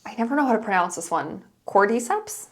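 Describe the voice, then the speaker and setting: A woman's voice: mid-range voice, expressive, very fast. A woman co-hosting a casual podcast, chatting and agreeing often, sharing personal stories with light self-deprecation. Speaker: co-host. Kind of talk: casual product review chat.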